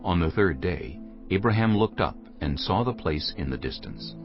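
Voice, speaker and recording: A male narrator reads scripture in a very low, lively-contoured voice. His storytelling is solemn and clearly phrased. Soft music sits behind a slightly dulled recording. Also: moderate pace, muffled recording. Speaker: Bible narrator.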